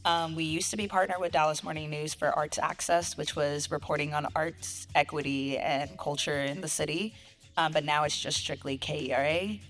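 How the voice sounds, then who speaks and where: A young woman guest journalist chatting in an interview, soft-spoken with a clear, radio-ready way of talking. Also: low voice, steady tone, normal speed, soft background music. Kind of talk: casual interview chat.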